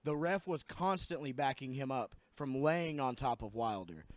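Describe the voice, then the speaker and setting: A man's voice: medium pitch, animated, moderate pace, no echo. A man co-hosting a casual podcast, bantering in a goofy, joking way. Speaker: podcast co-host. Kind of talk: casual chat.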